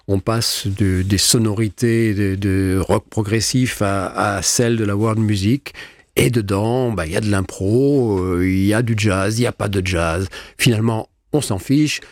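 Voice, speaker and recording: A male radio host with a fairly low voice introduces the next segment in a relaxed, halting way. He repeats words as he goes, and the sound is dry and close to the mic. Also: dry recording. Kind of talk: casual radio chat.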